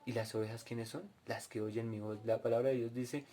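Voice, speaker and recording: Dark-voiced man preaching a testimony. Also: medium pitch, flat delivery, fairly quick. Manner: storytelling, addresses listeners directly. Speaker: preacher at a cell group. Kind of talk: testimony and Bible teaching.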